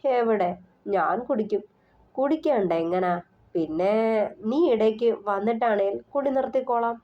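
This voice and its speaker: Lady doing a drunk slurry young guy, teasing, pushy, bit lower, audiobook. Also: a little slow, dull audio, close to an everyday voice. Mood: drowsy.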